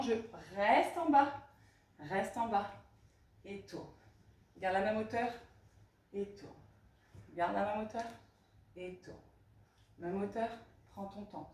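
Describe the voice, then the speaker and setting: A woman's voice: medium pitch, a little mellow. Echoey distant woman coaching pilates. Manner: brisk counting and breathing cues. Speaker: pilates instructor. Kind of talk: guiding a live fitness class. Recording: echoey room, voice from far off.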